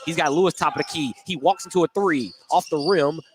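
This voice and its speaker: A man with a slightly high voice and a somewhat quick pace does radio play-by-play of a basketball game from courtside in a gym, chuckling between calls. Game noise and the thump of a basketball run through the noisy broadcast.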